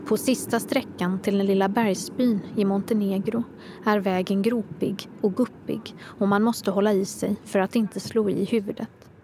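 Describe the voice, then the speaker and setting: Gravelly-voiced woman reading reflective prose. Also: mid-range voice, fairly even intonation, dark tone, a little hiss or hum. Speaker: reader of her own prose. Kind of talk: literary first-person reading.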